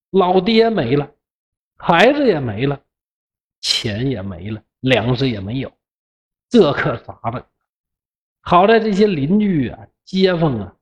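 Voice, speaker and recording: A storyteller with a Northeastern Mandarin accent telling a classical ghost tale in a colloquial, humorous, expressive way. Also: medium pitch. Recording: dull lo-fi recording.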